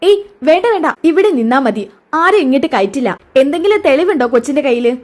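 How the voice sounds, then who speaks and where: A woman's voice: sits high, big pitch swings, a little fast, darkish tone. A woman voicing a wary, protective middle-aged housemaid who speaks in a guarded, scolding way.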